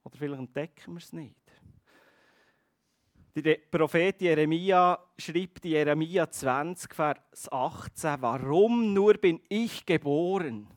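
A man preaching a sermon, earnest, speaking straight to his congregation and slowing on key phrases. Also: a little high, dry recording, clean studio sound. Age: adult with a child.

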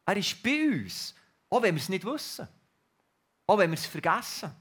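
A man preaching a sermon in an earnest, reflective way with pauses. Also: high voice, sing-song, a bit bright, breathy edge.

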